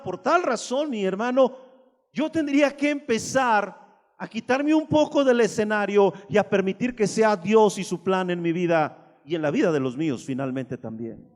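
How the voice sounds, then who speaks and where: Male preacher with a very high voice, emphatic and direct with the congregation, recorded in a reverberant hall. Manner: emphatic, addresses listeners directly with rhetorical questions. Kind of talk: sermon.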